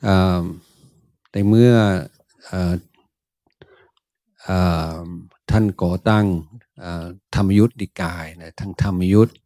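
A Buddhist monk answering questions in a Dhamma talk, thoughtful and unhurried, pausing often with drawn-out "ah" sounds. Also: male voice, low-pitched, steady tone, warm tone, dry recording. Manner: slow, thoughtful, many drawn-out "ah" pauses.

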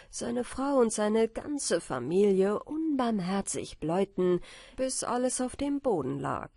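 A woman reading a fairy tale aloud as a calm, soft bedtime story audiobook. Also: medium pitch, husky, no echo, studio quality. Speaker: audiobook reader.

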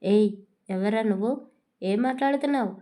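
A woman reading the lines of a cruel, mocking middle-aged man in a storybook, with taunting, shouting delivery. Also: medium pitch, moderate pace, close to an everyday voice. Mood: angry shouting.

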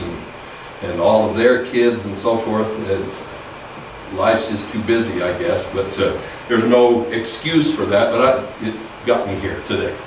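A government teacher in his sixties from Idaho, US, appears as a guest speaker giving a loud, folksy, informal talk to a small audience in a meeting room. His voice is lowish. The podium mic is heard from afar, picked up by a distant camera mic in an echoey room with hiss.

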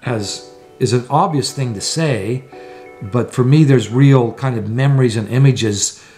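A man's voice: mid-range voice, unhurried, a little mellow, soft background music. A man in his sixties talking to camera from a small room at home, explaining things earnestly point by point as a sailing vlogger. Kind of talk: to-camera vlog talk.

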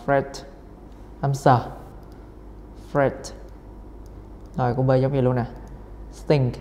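A man works through an exam in a lesson, at a middle pitch. He says each word again and again and drops in fillers as he goes. His voice rings with a long reverb, over faint background noise. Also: a little mellow. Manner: repeats words many times, with fillers. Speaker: English teacher.

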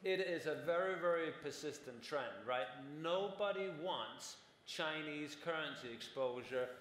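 A man's voice: on the high side, expressive, a little slow, a bit bright. Panelist man in echoey conference hall. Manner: explanatory, frequent "right?" tags. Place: large conference hall on stage. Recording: roomy hall with long reverb.

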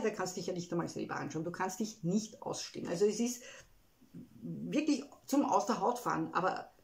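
A woman with an Austrian accent gives a personal, reflective self-help talk, speaking emotionally and haltingly with frequent tag words. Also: fairly low pitch, gravelly. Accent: Austrian German.

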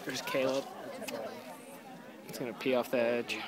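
A man's voice: mid-range voice, fairly even intonation, measured pace, over a noisy crowd. Joking young man vlogging outdoors. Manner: joking, offhand. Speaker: vlogger filming a hiking trip. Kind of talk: casual vlog narration. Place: outdoors at a busy scenic lookout. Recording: busy crowded outdoor spot.

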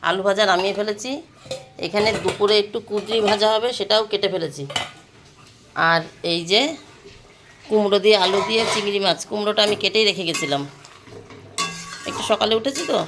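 A woman's voice: mid-range voice, fairly quick, long pauses, noisy background. Chatty woman vlogging her chores. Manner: chatty, addresses viewers as friends while doing chores. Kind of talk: casual daily-life vlog narration. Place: home rooftop garden and kitchen.

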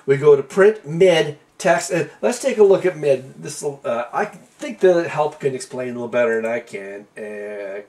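A man's voice: mid-range voice, lively intonation, a little slow, hardly any pauses, a little mellow. A man hosting a casual programming lesson, walking through code in a folksy, rambling way with frequent restarts and fillers. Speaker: programming tutorial host. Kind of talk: casual screen-recorded coding lesson.

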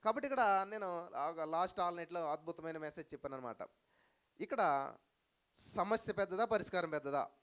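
A male pastor preaching a sermon to a live congregation, with rhetorical questions and loud hallelujah cries. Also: high voice, expressive, brisk, long pauses, clear, resonant tone. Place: church hall with live audience.

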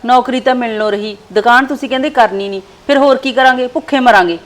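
A young woman talks fast and a little high, indignant and complaining. She is in an echoey room with faint music behind her. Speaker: daughter-in-law in a family skit.

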